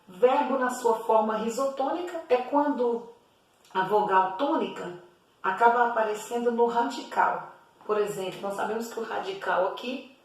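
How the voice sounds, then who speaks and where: A woman teaching a grammar video lesson, patiently explaining and stretching out stressed syllables in her examples. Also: fairly high pitch. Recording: very echoey room, voice from a distance.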